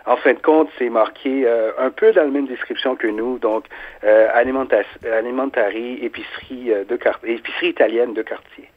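A man speaking at medium pitch and a moderate pace, with a Quebec French accent, answers informally as a small business owner in an interview. He lives in Quebec and is of Haitian origin. The recording has a narrow, phone-like sound.

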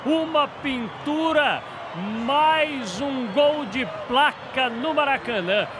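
A man's voice: very high-pitched, lively intonation, slow, crowd noise, noisy background. A man with a Brazilian accent giving live football analysis as a match reporter on radio. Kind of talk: live sports commentary, describing replayed play. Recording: loud stadium ambience behind the voice.

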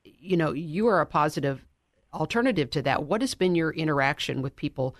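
A man's voice: on the high side, animated, brisk, no echo, clean studio sound. A man hosting a radio interview, affirming his guest and encouraging listeners. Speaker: radio show host.

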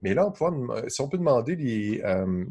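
A man's voice: mid-range voice, very animated, moderate pace, dark tone, slightly rough. A man with a Quebec French accent explaining gadgets and films in casual radio chat, enthusiastic and full of fillers.

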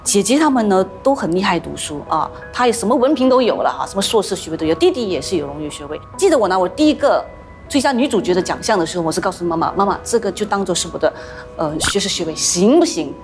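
A woman actress, the guest in a podcast interview, telling stories with animated acted-out voices. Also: medium pitch, fast talker, soft background music. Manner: animated storytelling, acts out quoted voices.

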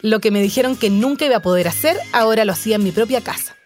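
A young Chilean woman with a Chilean accent, calmly narrating her own life story in a scripted, reflective way. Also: a little high, very fast. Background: music under the voice.

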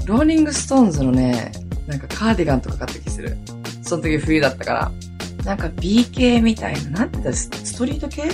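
A woman around thirty hosting her own podcast, hoarse today and chatting in a lively, rambling way with many asides. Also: low voice, quick pace, music in the background. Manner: chatty, animated storytelling with lots of asides. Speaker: podcast host. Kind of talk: casual solo podcast chat.

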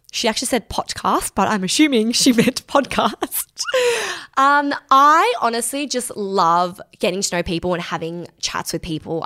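A woman's voice: mid-range voice, a bit bright. A young woman in her twenties hosting a solo Q&A podcast, chatting casually and using "like" a lot. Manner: chatty, filler-heavy with lots of "like". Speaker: podcast host.

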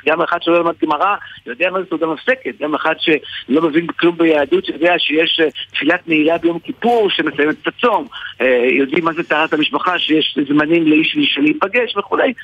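A man with an Israeli accent tells an anecdote casually, haltingly, repeating and restarting his phrases. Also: on the high side. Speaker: guest, stage performer. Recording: muffled radio or phone-like sound, dry.

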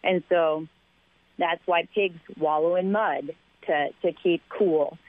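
A woman's voice: fairly low pitch, slow pace, dry recording. A woman giving explanatory advice in an interview, phrasing things hesitantly. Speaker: interviewed animal care expert. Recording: tinny, muffled phone-like radio line.

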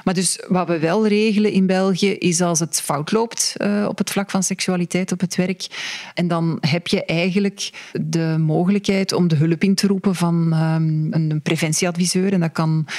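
A woman with a Flemish accent speaks as an interviewed expert, measured and a little hesitant. She explains things patiently, often pausing mid-phrase and tagging sentences with a short question. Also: fairly low pitch, darkish tone. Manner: measured, frequent tag "hè" and hesitations.

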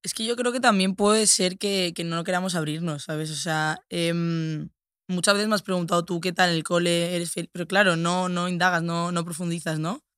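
Smooth-voiced young woman with a Sevillian accent. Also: lowish voice, fairly even intonation, normal speed, fairly bright tone, no echo, studio quality. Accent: Sevillian Spanish. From Spain. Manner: reflective, many fillers and tag questions. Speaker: guest. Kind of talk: casual podcast conversation.

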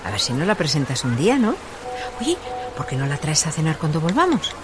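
A busy middle-aged mum with a Spanish accent, easily exasperated. Her lowish voice swings up and down in film comedy style, over music. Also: very animated, brisk. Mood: nosy. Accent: Spain. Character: busy, exasperated mother and daughter.

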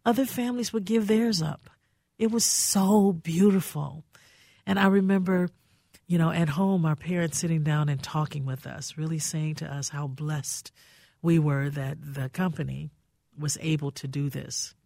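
A woman's voice: low voice, fairly even intonation, unhurried, gravelly, mellow, no room sound. An older woman hosts a radio talk show from a studio. She tells stories in a heartfelt, reminiscing way, and her voice sits close and dry with no room sound.

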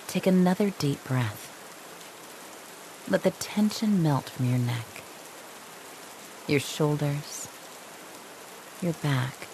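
Soft, slow-spoken woman guiding meditation. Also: sits low, slight background noise, poor audio. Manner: slow, soft and calming, with long pauses. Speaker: meditation guide.

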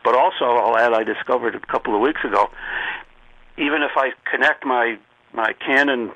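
A man's voice: mid-range voice, moderate pace, bright, forceful tone, dry recording, rough recording. A man calling into a radio show, describing a computer problem in a hesitant, polite way. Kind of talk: phone-in troubleshooting.

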